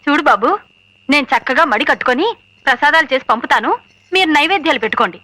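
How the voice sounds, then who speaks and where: A woman's voice: sits high, lively intonation, fast, pushed and bright, no echo. An actress playing a fussy, pious, motherly housewife who scolds and fusses. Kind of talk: film comedy acting.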